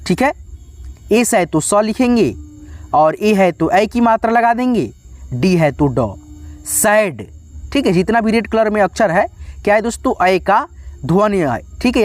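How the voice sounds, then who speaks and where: A man's voice: high-pitched, no echo. A man teaching an English spelling lesson step by step for beginners, speaking patiently and addressing his viewers as friends again and again. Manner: patient, repetitive, calls viewers "friends" often.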